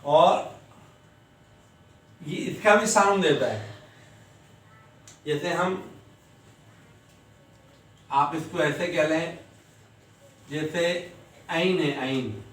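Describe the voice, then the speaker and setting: A man teaching a class, slowly drilling letter sounds and asking students questions. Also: on the high side, fairly bright tone. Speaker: English teacher. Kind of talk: classroom lesson. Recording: echoey room, distant mic.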